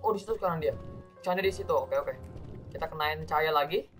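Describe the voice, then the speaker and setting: Young guy doing let's play commentary, high voice, keeps yelling oh my god at the game. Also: fast, faint music behind. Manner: excitable, bursts into loud exclamations; chatty, keeps addressing viewers as guys. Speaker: gaming YouTuber.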